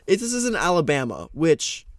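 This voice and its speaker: A young man with a slightly raised pitch chats on a podcast. His voice sits close and dry on the mic. He rambles, laughs easily and leaves sentences unfinished. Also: big pitch swings, normal speed, no echo. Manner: rambling, laughs often, trails off mid-sentence. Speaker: podcast co-host. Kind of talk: casual podcast banter.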